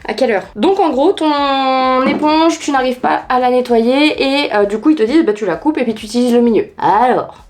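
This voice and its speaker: A woman with a high-sitting voice talks at a moderate pace in a home beauty vlog, with slight background noise. Blunt and slangy, she pokes fun at herself while testing tips in a hot room.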